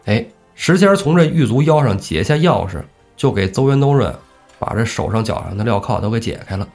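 A man telling a classic tale on a casual storytelling podcast, acting out the characters' lines with lively energy. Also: fairly low pitch, a little fast, faint music behind. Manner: lively, acts out characters' shouts. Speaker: storyteller host.

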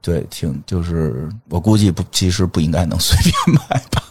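A man's voice: deep voice, normal speed, darkish tone, slightly rough. A middle-aged man with a Beijing accent chatting casually and colloquially as a podcast host, joking and repeating his phrases. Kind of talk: casual chat.

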